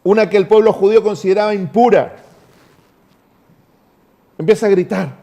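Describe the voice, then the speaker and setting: A male pastor from Argentina with an Argentine Spanish accent, preaching a sermon with emphatic, drawn-out phrases that sink to low, quiet endings.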